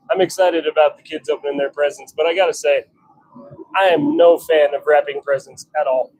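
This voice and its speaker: Fairly high in pitch but darkish in tone, this man's voice comes through a rough recording. He hosts a livestream as a hobby blacksmith, talking casually while working in his home forge, sometimes addressing viewers and sometimes just musing aloud.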